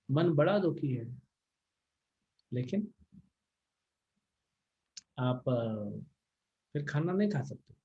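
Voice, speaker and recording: A man's voice: a little high, a little mellow. A man teaching a scripture lecture in a conversational way, often checking in with his listeners. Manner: conversational, checks in with rhetorical "hmm?". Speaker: spiritual teacher. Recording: dull lo-fi recording.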